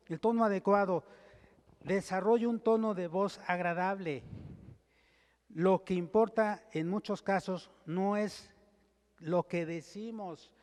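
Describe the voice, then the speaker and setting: A male pastor preaching a sermon, teaching point by point in a measured way and reading scripture aloud. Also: high-pitched, a little mellow. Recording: long hall reverb.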